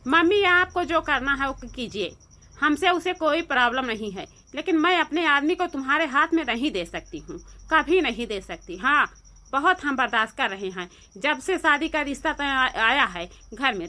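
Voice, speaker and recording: A woman's voice: sits high, sharp tone. A woman voicing a fierce young wife who scolds and threatens in a cartoon, with an Awadhi accent. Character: fierce young wife guarding her husband.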